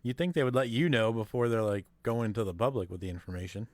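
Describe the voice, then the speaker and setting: A man co-hosting a casual live-stream chat, easygoing and quick to laugh, with short replies. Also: lowish voice, darkish tone, dry recording, studio quality.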